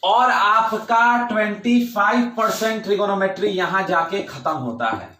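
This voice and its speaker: Speaking Hindi sprinkled with English terms, a male teacher gives a slow, deliberate classroom lecture, repeating key points with emphasis. His voice is high and bright. There's noticeable room echo and slight background noise.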